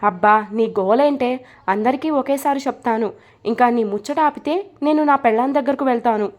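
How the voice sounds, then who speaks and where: A woman's voice: fairly high pitch, a little fast, close to an everyday voice. A woman voicing an impatient young husband who teases and scolds in a snappy way.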